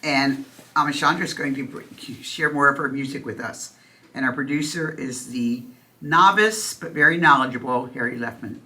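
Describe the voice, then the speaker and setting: At a stand microphone in a church meeting room, a woman hosts a church service, chatting in a self-deprecating way with loose fillers. Her voice rumbles low with a sharp tone at normal speed.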